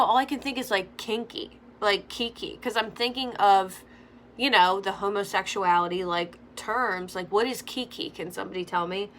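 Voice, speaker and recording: A woman's voice: mid-range voice, a bit bright. A young woman giving chatty, opinionated commentary while doing her makeup, filling her talk with "like". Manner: chatty, frequent "like" fillers. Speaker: makeup vlogger. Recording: faint background noise.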